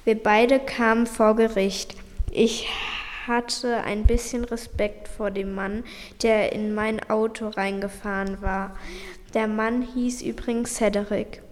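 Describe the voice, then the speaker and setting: A woman slowly and deliberately reading a short story aloud. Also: on the high side, level tone. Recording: recording with long reverb.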